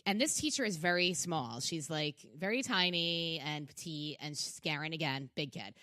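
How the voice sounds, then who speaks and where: A woman's voice: low-pitched, moderate pace, no echo. A young adult woman, a podcast guest, telling a rambling story in casual chat, full of fillers and swearing. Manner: animated, profane, rambling with many fillers.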